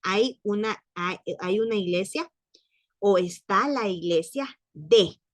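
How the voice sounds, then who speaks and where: A woman's voice: medium pitch, no echo. Woman French teacher, patient and repetitive, dry recording. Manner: explains patiently, repeats phrases, slows for examples. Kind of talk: online language class.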